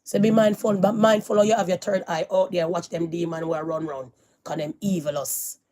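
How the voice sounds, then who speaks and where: A middle-aged woman, talking to her viewers in a casual, preachy monologue. She repeats her phrases for emphasis and moves from loud declarations to hushed warnings. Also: fairly low pitch, fairly even intonation, a little fast. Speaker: vlogger.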